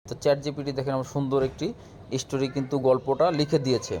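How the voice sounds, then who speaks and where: A tutorial host with a mid-range voice and level tone talks very fast, casually walking viewers through an app step by step. Clear background noise, room ambience and a crowd can be heard behind him.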